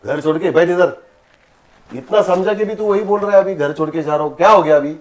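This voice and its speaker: A man's voice: medium pitch, a little fast, darkish tone, close to an everyday voice. An older man playing a worried father who reasons with and scolds his son in a family drama. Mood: scolding. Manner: pleading then scolding.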